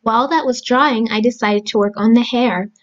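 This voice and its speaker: A young adult woman speaking to children in simple, deliberate phrases, as a storyteller and craft host. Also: fairly high pitch, highs cut off. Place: small room at home, indoors.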